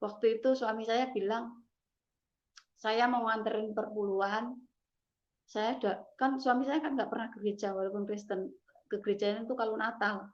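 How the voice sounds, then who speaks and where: A woman giving a personal testimony, speaking in a halting, emotional way. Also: on the high side, fairly even intonation, muffled recording. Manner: halting, emotional, frequent "gitu loh". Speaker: testimony giver.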